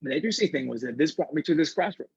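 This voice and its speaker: Guest speaker dude from hawaii, breathy voice, dry slightly muffled sound, chatty with lots of ums. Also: male voice, on the high side, lively intonation, very fast, a little mellow, no echo. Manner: conversational, earnest, with frequent fillers. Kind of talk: storytelling workshop talk. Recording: slightly dull, dry recording.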